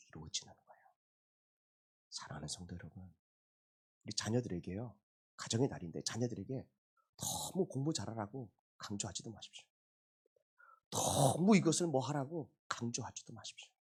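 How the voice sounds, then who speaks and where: A man's voice: lowish voice, slightly rough. A middle-aged man, a pastor, preaching a Sunday sermon in a church sanctuary and telling personal stories with humor. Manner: animated storytelling with personal anecdotes and humor.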